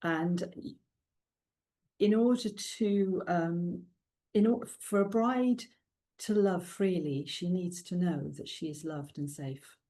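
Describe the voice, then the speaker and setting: A middle-aged woman from South Wales, a native Welsh speaker with a Welsh accent, talks slowly in a fairly low voice. She's a guest author in a casual interview, warm and chatty, laughing often and saying "um" a lot.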